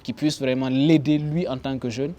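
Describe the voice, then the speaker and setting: A man's voice: mid-range voice, steady tone, moderate pace, dark tone. A young man with an ordinary mid-range voice conducts an interview. He offers brief encouraging acknowledgements, then asks long, meandering questions. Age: young adult.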